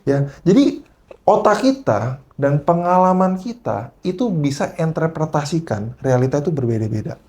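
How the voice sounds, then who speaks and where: A man's voice: a little high, moderate pace. A man preaching a sermon at a church service, switching into English phrases and often checking in with the congregation as he tells stories. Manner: animated storyteller.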